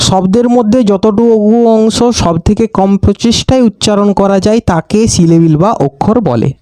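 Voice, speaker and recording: A man teaching a grammar lesson, asking questions and answering them himself and repeating definitions slowly. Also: high-pitched, dark tone, no room sound.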